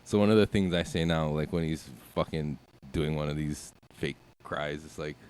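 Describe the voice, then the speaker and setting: A man's voice: a bass voice, moderate pace, darkish tone, a little hiss or hum. A man co-hosting a podcast, joking and acting out lines in casual chat. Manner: joking, acts out voices in his stories. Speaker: podcast co-host.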